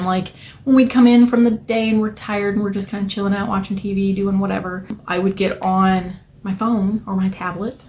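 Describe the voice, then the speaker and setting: A woman's voice: mid-range voice, a little hiss or hum. A young adult woman vlogging from home in front of her polish wall, telling a long story in a rambling, chatty way, full of fillers and restarts, a little self-conscious. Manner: self-conscious, nervous hand habit. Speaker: nail art vlogger. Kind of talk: casual storytelling vlog.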